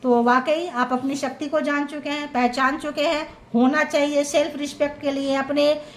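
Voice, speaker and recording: Woman, high pitched, tarot reader, emphatic, repeats short phrases. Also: little pitch movement, moderate pace. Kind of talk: tarot reading for viewers.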